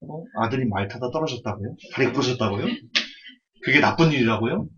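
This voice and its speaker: A man voicing a calm, wise old sage who answers in measured questions, on a dull lo-fi recording. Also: mid-range voice, crowd noise, close to an everyday voice.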